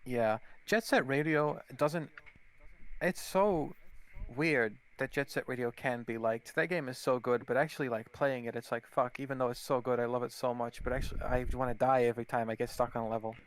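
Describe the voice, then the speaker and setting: A man's voice: mid-range voice, a little fast, smooth, poor audio. A man co-hosting a casual podcast, rambling, swearing and laughing often. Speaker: podcast co-host. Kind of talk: casual chat.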